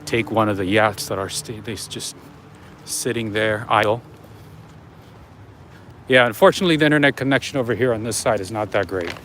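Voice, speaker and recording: A man on the low side, a bit bright and a little fast, pauses often as he walks and talks. He's livestreaming from an urban waterfront, rambling casually to viewers amid traffic noise.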